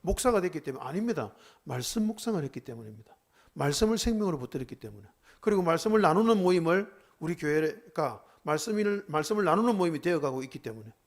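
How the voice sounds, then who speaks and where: Middle-aged male pastor, earnest conversational sermon with rhetorical questions; animated, slightly high voice. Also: quick pace. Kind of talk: sermon at a seminar. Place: church.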